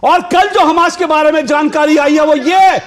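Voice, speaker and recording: A male TV news anchor in a heated debate, shouting and hammering the same phrases over and over. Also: extremely high pitch, fairly even intonation, normal speed. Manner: shouting, repeating phrases insistently.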